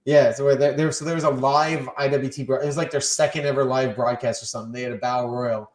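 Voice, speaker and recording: A man guest on a podcast, telling wrestling stories in casual chat and acting out his own shouted lines. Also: mid-range voice, steady tone, fast talker, echoey room.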